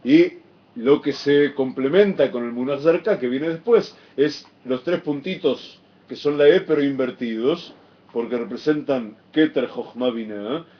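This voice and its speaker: A man teaching a Torah lesson, explaining Hebrew text with expressive emphasis and chanted phrases. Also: mid-range voice, unhurried. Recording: dull lo-fi recording.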